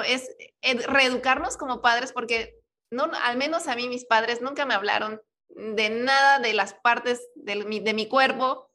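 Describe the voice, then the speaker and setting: A woman's voice: on the high side, pushed and bright. A mother, co-hosting a podcast and telling a personal story with emotion. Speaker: co-host, mother. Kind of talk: personal story in casual chat.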